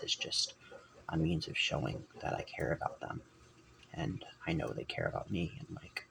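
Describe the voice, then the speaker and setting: A man's voice: deep voice, creaky, fairly bright tone, slight background noise, rough recording. A man talking to his camera in a rambling personal vlog, often correcting himself and wandering off topic. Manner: rambling, self-correcting, digressive. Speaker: vlogger. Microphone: camera mic.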